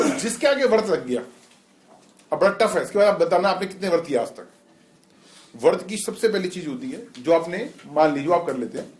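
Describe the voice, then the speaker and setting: A middle-aged man with a slightly high voice gives an informal class. He explains things and puts questions to the students. The room is echoey. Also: darkish tone. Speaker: spiritual teacher.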